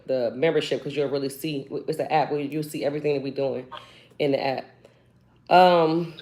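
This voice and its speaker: A woman from Cleveland hosting a live video call, chatting casually and loosely with her viewers. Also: deep voice. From Cleveland, Ohio. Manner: relaxed, chatty, loose Southern-style slang. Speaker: host of a live hair care consultation. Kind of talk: casual live stream chat.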